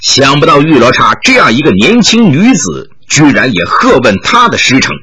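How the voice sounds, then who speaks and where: Husky, dramatic male storyteller. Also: medium pitch, wildly swooping pitch, moderate pace, sharp tone. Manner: dramatic, vivid narration. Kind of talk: wuxia novel storytelling.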